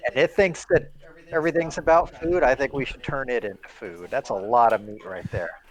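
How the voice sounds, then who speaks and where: Calm man reasoning through his turn. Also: mid-range voice, fairly quick. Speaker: player. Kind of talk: casual tabletop play.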